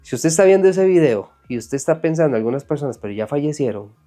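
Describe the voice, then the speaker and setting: A man preaching an earnest, animated sermon who acts out the voices of people he quotes. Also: a little high, fast, faint music behind. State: sweating from emotion.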